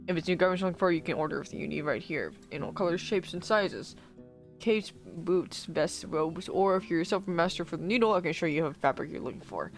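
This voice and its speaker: Brief: streamer doing a friendly village guard, folksy lilt, average pitch. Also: lively intonation, fast, creaky, soft background music. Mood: welcoming. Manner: folksy lilt, attempted Irish or Scottish accent. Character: friendly rustic village gate guard, adult man.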